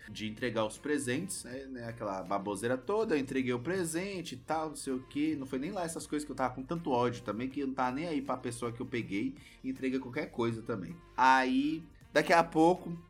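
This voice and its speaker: A man with a Brazilian Portuguese accent spins a story in relaxed podcast chat. His voice sits at an ordinary mid pitch and stays lively, and he swears freely as he plays his younger self. Faint music runs underneath.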